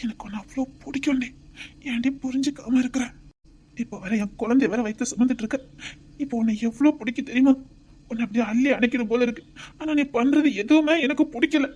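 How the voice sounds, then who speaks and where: Homemade drama role: a doting young husband with a Tirunelveli accent, soft and coaxing, higher-pitched, played by a woman. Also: fast, husky, muffled recording. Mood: tender. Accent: Tirunelveli Tamil. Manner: tender, pleading, often near a whisper.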